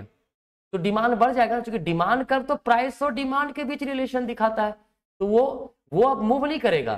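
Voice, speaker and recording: A woman teaching economics for exam prep in Hindi mixed with terms, asking questions and then answering them herself. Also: medium pitch. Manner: asks and answers her own questions, checks in often.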